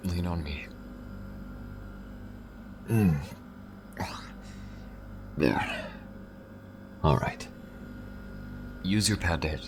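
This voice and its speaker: A man performs a full character voice as a devoted, gruff alien smuggler in an intimate audio roleplay. He speaks in a deep, gravelly tone, haltingly and tenderly, often dropping to a hush, over some background noise.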